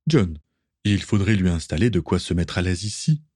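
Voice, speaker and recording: A man voicing a calm, reassuring ship's doctor in a read-aloud story. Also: sits low, normal speed, husky, no room sound, clean studio sound.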